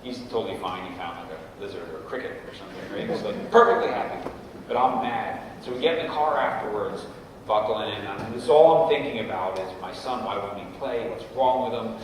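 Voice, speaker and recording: A middle-aged man speaks to parents in a school auditorium, lower in pitch and easy in delivery, dropping in "right?" to keep the room with him. He sounds far from the microphone, with a long hall reverb and steady room noise. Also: a little fast, crowd noise. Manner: storytelling, often checks in with "right?". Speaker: guest speaker at a parents' session. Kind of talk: conversational talk to parents. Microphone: distant room mic. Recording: echoey hall from far off, noisy.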